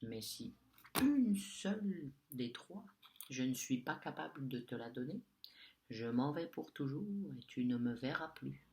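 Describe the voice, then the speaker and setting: A man voicing a mean old witch with a small, sharp, sour voice, a whispered role-play as he reads a storybook tale. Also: medium pitch, very animated, a little slow, slight background noise. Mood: sneering. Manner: sneering, mocking.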